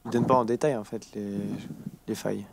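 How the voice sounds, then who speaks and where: A man's voice: on the low side, fairly even intonation, brisk, gravelly, darkish tone, no room sound. A man in the audience asking a speaker hesitant questions. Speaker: audience member.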